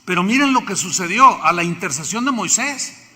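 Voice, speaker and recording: Emphatic Mexican pastor in a ringing hall. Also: male voice, high-pitched, lively intonation, moderate pace, sharp tone. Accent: Mexican Spanish. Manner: emphatic, rhetorical questions to congregation. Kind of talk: sermon. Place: church. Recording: reverberant church hall.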